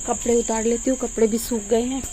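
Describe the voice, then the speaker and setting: A woman's voice: a little high, flat delivery, fairly quick, warm tone, a little hiss or hum. A middle-aged woman, chatting casually to camera in a home vlog while she explains things and does chores. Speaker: vlogger. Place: home kitchen and yard.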